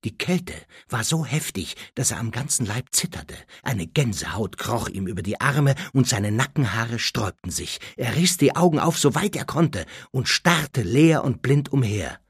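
A man's voice: mid-range voice, expressive, normal speed, hardly any pauses, slightly rough, no room sound, clean studio sound. A man reading an audiobook with dramatic, suspenseful narration. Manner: dramatic, suspenseful, varied delivery. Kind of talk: scripted narration.

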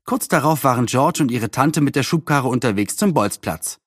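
A man narrating a children's audiobook in an expressive, scripted way. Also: mid-range voice, normal speed, no echo, studio quality.

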